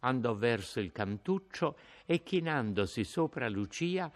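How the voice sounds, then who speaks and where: Slow, expressive male audiobook narrator. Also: medium pitch. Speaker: audiobook reader.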